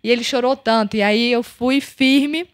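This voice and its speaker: A woman's voice: on the high side, normal speed, dry recording, clean studio sound. A young adult Brazilian woman hosting a podcast, telling a personal story and acting out the dialogue in it. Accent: Brazilian Portuguese. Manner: animated, acts out the dialogue of her story. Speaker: podcast host.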